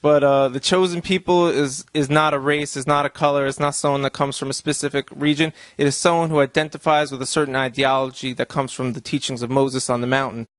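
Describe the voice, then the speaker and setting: A man's voice: medium pitch, little pitch movement, fairly quick, few pauses. A man answering as a guest, earnestly explaining and building his points step by step. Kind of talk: explanatory talk.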